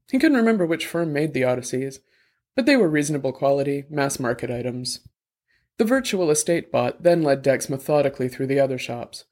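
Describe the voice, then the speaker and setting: Male audiobook narrator, wry, steady, slightly high voice.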